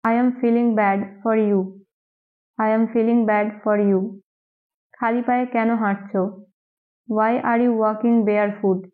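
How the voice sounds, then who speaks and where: A woman English teacher, a native Bengali speaker, reading daily phrases and repeating each one twice, very slowly. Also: mid-range voice. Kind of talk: slow drill reading of phrases. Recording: tinny phone-like recording.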